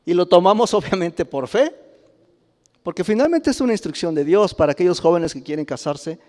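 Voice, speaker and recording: A middle-aged pastor with a Mexican Spanish accent delivers a storytelling sermon in a fairly high voice. He chuckles often and swells into loud exclamations. His voice rings with the long reverb of a church hall. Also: expressive, brisk. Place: church sanctuary.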